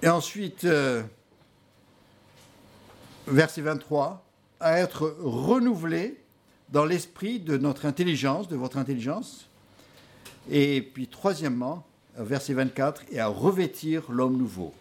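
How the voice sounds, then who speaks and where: A man preaching a sermon, telling stories in an animated way with many hesitations. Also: fairly high pitch, slow pace, long pauses.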